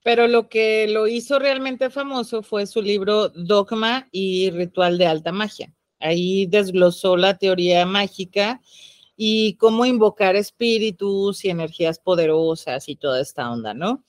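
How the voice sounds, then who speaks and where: A woman with a Mexican accent co-hosts a podcast, chatting casually about the occult in a playful style full of slangy asides. Her mid-range voice moves at a measured pace, and there is no room sound.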